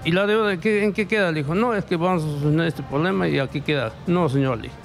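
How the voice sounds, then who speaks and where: This is a middle-aged man from Peru with a rough, gravelly voice that sits slightly high. He speaks into a studio microphone with headphones on, halting and circling back, and acts out the words of lawyers and officials. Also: soft background music. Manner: halting, repeats himself, acts out dialogue. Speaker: interviewee reporting bank fraud. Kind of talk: emotional testimony in a radio studio. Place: radio studio. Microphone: studio mic with headphones.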